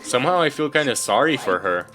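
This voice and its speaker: A man's voice: medium pitch, sing-song, fast talker, music in the background. A man playing a visual novel game and reading its lines aloud in a casual, joking way. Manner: casual, swears, laughs at the script. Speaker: let's play host.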